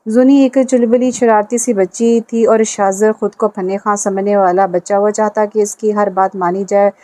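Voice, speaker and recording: A woman's voice: medium pitch, steady tone, moderate pace, warm tone, no room sound. A woman with a Pakistani Urdu accent, narrating a romance novel and reading every character's lines in much the same plain voice. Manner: reads all characters in a plain voice with little change.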